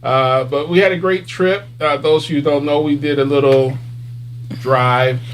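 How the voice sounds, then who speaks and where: A man's voice: a little high, fairly even intonation, moderate pace. A middle-aged man, hosting a live podcast in loose, chatty talk with easy laughs. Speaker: podcast host. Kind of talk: casual live-stream chat. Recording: faint hum behind.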